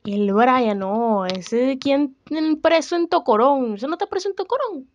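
A young woman with a Venezuelan accent playing a fed-up, short-tempered woman who grumbles and complains with a sharp tongue. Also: sits high, animated, unhurried, no room sound. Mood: sassy. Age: young adult. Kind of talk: comedic student film acting. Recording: dull, dry, lo-fi.

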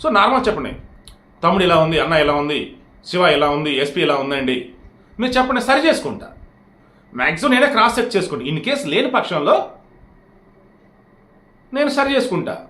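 A man's voice: on the high side, big pitch swings, fairly quick, pauses often, bright, forceful tone. A man giving heated, scolding political commentary straight to his audience, firing rhetorical questions. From India. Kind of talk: direct-to-camera political commentary. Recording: roomy echo.

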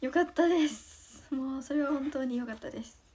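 A teenage idol livestream host from Osaka, Japan, chats casually in a Kansai accent, reading fan comments and thanking fans while acting bashful and giggly. Her high, mellow voice is brisk, with slight background noise.

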